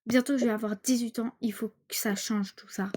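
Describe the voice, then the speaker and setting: A woman's voice: on the high side, fairly even intonation, a little fast, darkish tone, a little hiss or hum, close to an everyday voice. A woman voicing an indignant teenage girl, almost eighteen, accusing her mother with casual slang. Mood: angry. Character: angry teenage girl nearly eighteen, rebellious.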